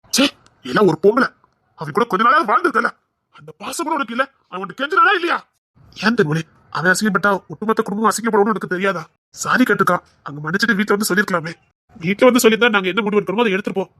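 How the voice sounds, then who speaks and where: A man's voice: high voice, bright, forceful tone, no echo, studio quality. A man acting a stern in-law who scolds a young woman, with a Tirunelveli Tamil accent and a reproachful manner.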